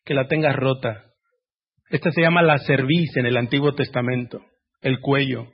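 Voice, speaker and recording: A man preaching a sermon who asks the congregation direct questions and swings between loud emphasis and hushed, quiet passages. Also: mid-range voice, fairly even intonation, normal speed, husky. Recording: dull lo-fi recording.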